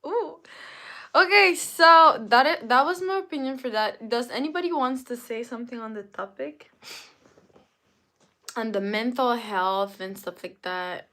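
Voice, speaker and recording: This livestreamer, a woman who isn't a native English speaker, chats casually with her audience and repeats herself often. Her voice is on the high side, bright and forceful, with a measured pace.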